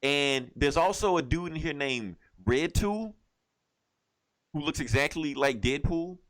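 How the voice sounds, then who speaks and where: On a low-quality recording, a man co-hosting a podcast recaps a comic book in a slightly high, animated, fairly bright voice, taking his time. His storytelling rambles irreverently, full of slang and swearing.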